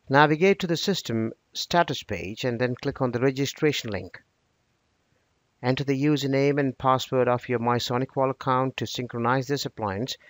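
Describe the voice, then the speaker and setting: A man narrating a scripted software tutorial in a steady, instructional way. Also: mid-range voice, dry recording.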